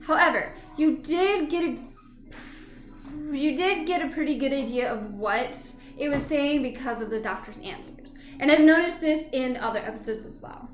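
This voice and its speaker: A high-pitched woman chats loosely to camera, rambling and laughing as she goes. Her voice bounces around a noticeably echoey room, and faint music plays underneath. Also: moderate pace. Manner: chatty, rambling, often laughs and hums filler syllables. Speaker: vlogger reviewing a TV episode. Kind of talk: casual rambling chat to camera.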